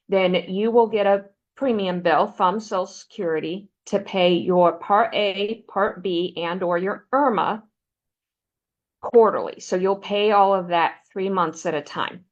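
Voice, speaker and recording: A woman presenting a benefits counseling webinar, walking listeners through slides in a steady, explanatory way. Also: medium pitch, muffled recording. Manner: explanatory, steady, uses "um" fillers.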